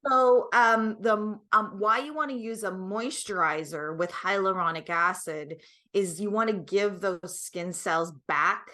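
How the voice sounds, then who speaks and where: A middle-aged woman, guest expert and product creator, speaks at a measured pace in a mid-range, sharp-toned voice. Her explanations are conversational and emphatic, with frequent checks that the listener follows.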